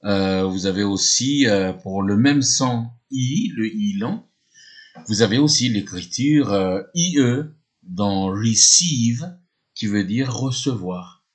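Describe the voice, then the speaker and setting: A man gives a slow, patient lesson in a somewhat low voice. He hesitates often, repeats himself and spells words letter by letter as he explains each sound. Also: expressive. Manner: often hesitates with drawn-out fillers. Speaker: English teacher.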